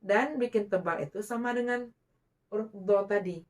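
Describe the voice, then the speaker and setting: A woman's voice: medium pitch, moderate pace. An Indonesian woman teaching Quranic letter pronunciation, patiently modeling and repeating each letter sound. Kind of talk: slow instructional explanation with demonstrations.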